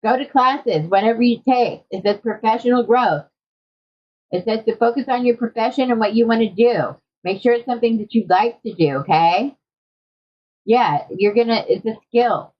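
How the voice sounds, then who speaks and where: A woman reading tarot cards for her viewers in a casual, conversational way, often checking in with a quick "okay?". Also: a little high. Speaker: tarot card reader. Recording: dull lo-fi audio.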